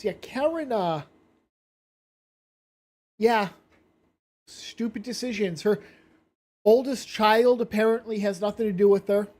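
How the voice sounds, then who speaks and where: Drowsy from medication, this commentary channel host rambles bluntly and swears freely on a casual stream. His voice sits high with a slightly mellow quality.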